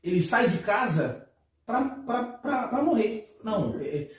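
A man's voice: sits high, sing-song, a little slow. A man from Brazil on a podcast panel, arguing his points emphatically in a heated roundtable debate and repeating words as he builds up. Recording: echoey room, mic at a distance.

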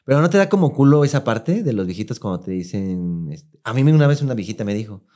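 A man's voice: fairly low pitch, fast. A young Mexican man co-hosting a podcast, telling a story in casual slangy chat and acting out the people he quotes. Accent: Mexican Spanish. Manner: animated, slangy, acts out quoted voices. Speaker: podcast co-host.

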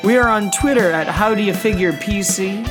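Casual male podcast host, lightly pitched. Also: normal speed, over music.

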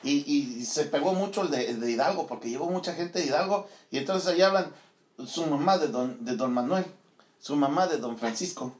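In an echoey studio, a man hosting a morning show rambles casually, filling the talk with laughs and filler words. He comes from Tierra Caliente, Michoacán, Mexico, and speaks at a moderate pace in a higher-pitched voice.

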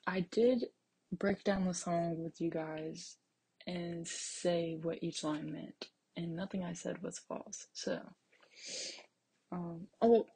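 Husky young woman rambling on a podcast. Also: fairly low pitch, darkish tone. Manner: rambling and self-deprecating, with asides to listeners. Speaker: podcast host. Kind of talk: casual solo podcast monologue.

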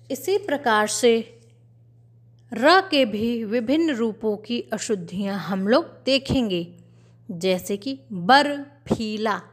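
Woman teacher, spelling lesson for kids, slow deliberate pace, higher voice, repeats each word carefully. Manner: slow, careful, repetitive drilling.

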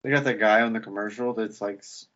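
A man's voice: lowish voice, steady tone, fast, a bit bright, muffled recording. A man co-hosting a podcast in casual chat, joking and swearing bluntly. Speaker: podcast co-host.

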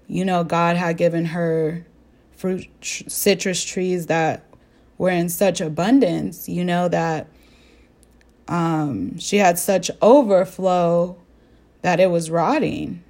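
Woman, young adult, from the Southwest, podcast host, earnest storytelling, asks listeners questions, mellow tone. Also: fairly low pitch, vocal fry. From American Southwest. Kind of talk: faith-based reflective talk.

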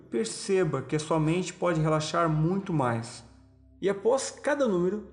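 A Brazilian man narrating a guided hypnosis relaxation like a sleep story, giving soothing, slow instructions with pauses. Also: sits high, creaky, a little mellow. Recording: voice over background music. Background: music.

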